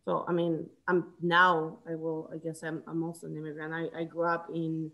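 Woman in her thirties, lowish voice, leads a book club over webcam, halting and reflective. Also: monotone, pushed and bright, rough recording. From Chile. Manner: thoughtful, restarts often, gestures while talking. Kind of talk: video call discussion. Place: home room, indoors. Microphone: video call webcam.

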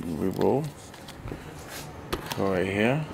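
Older male collector for a casual home vlog: deep, rambling, lists things one after another; noisy handheld camera sound in a basement. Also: expressive, drawn-out words, creaky. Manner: rambling, chatty, listing items one by one. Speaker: collector showing his hoard. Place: cluttered basement storage room. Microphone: handheld camera mic.

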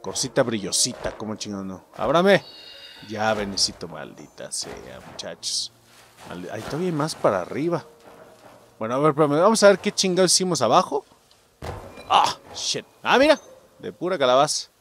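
A man with a Mexican accent commenting on a video game as he plays, excitable and profane, yelping at scares. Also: medium pitch, brisk, slight background noise. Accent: Mexican Spanish. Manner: excitable, swearing, yelps and shouts at scares. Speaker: gaming YouTuber. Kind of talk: let's-play commentary.

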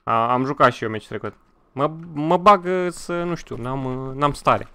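Excitable male game streamer. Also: medium pitch, smooth. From Romania. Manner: excitable, swears freely, thanks donors between fights. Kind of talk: live gameplay stream commentary.

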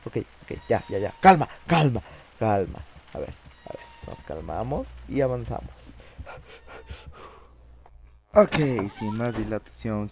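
A man's voice: on the low side, darkish tone, slight background noise. A man playing a horror video game at home at night, nervous and jumpy, laughing from nerves and repeating his words. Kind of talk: nervous let's-play commentary.

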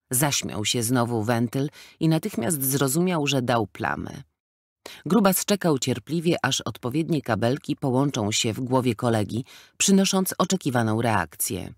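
Brief: male storybook narrator, plain middle voice, even delivery, dry close mic. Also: mid-range voice, dry recording. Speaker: audiobook narrator. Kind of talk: scripted narration. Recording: dry close studio sound.

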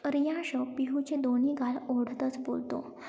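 A woman narrating a romantic Marathi story, reading every character's lines herself in a soft, often whispery voice. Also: high voice, fairly even intonation, a little slow, muffled recording.

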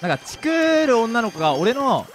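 A man's voice: extremely high pitch, big pitch swings, moderate pace. A young man, a pro gamer, telling rambling, self-mocking childhood stories in casual chat while he plays a game. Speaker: pro gamer and video creator. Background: faint game music.

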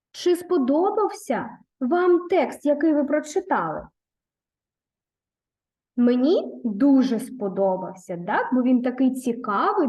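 A woman teacher who reads a children's story aloud expressively and then leads a video lesson with gentle, coaxing questions. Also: high-pitched. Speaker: primary school teacher.

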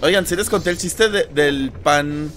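A young man with a Mexican Spanish accent streaming a game, loud and excitable as he jokes with his chat. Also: a little high, a little slow. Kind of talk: casual gaming stream chat. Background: game music.

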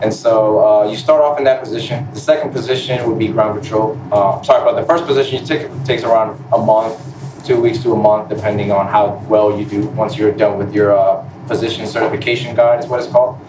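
His voice is fairly low, steady and brisk as he politely and spontaneously explains his role as an airman, an Air Force air traffic controller, on a panel. He's in his twenties, from Puerto Rico and Florida, seated on a stage in a large indoor room, recorded with a distant mic amid echo and noise.

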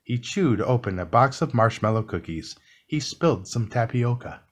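A man reading a children's book aloud as calm bedtime narration, soft and unhurried. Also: medium pitch. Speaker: storybook reader.

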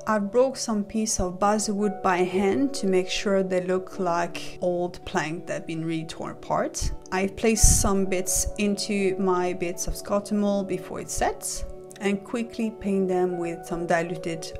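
Woman, tutorial voice-over, methodical and practical, middle pitch, light music bed behind. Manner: calm, methodical, practical explanation. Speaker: model maker explaining her build.

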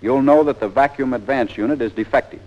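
An American man with a mid-range voice speaks quickly, narrating a scripted 1940s training film like a plain-spoken, methodical, folksy instructor. The sound is a dull, band-limited old film soundtrack.

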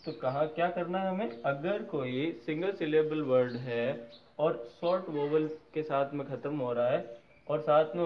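A man's voice: fairly high pitch, darkish tone. A man teaching English grammar, spelling out word endings and often checking that his viewers follow. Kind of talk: explaining grammar lesson. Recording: slightly dull recording with faint noise.

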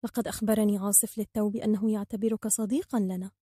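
A woman's voice: medium pitch, level tone, fast, mellow, breathy edge, dry recording, studio quality, close to an everyday voice. A woman voicing a kind-hearted, outspoken young girl who is firm yet tender. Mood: gentle.

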